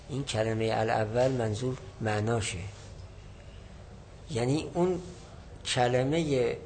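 A man's voice: medium pitch, darkish tone, a little hiss or hum, poor audio. A man teaching a lesson, reading a classical text and explaining it line by line, repeating and rephrasing points. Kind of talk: lecturing on a classical Arabic text.

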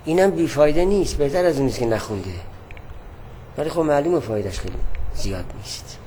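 A man teaching a religious lesson, explaining at a measured pace and repeating his key points. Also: on the high side, expressive, mellow, slight background noise.

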